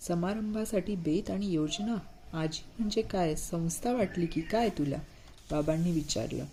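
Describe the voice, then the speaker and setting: A woman's voice: on the low side, normal speed, mellow, slight background noise. A woman reading a bedtime story aloud, voicing the characters with light expression.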